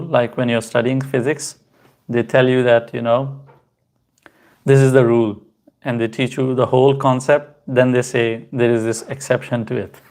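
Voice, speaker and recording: A man hosting a casual crypto livestream, answering viewer comments in a halting way with many fillers and chatty asides. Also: mid-range voice, a little mellow. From Pakistan. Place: home, in Canada.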